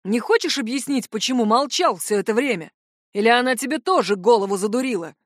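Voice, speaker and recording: A woman's voice: a little high, expressive, fairly quick, dry recording, clean studio sound. A woman voicing a hot-tempered young male shapeshifter in an audiobook, speaking in hissed, clipped threats. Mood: menacing. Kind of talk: audiobook narration.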